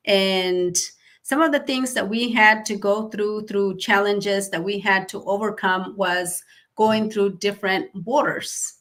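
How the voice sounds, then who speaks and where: A middle-aged woman from Guatemala whose first language is Mayan, telling her life story earnestly, with frequent um pauses. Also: medium pitch, fairly bright tone. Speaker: guest speaker. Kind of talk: personal storytelling.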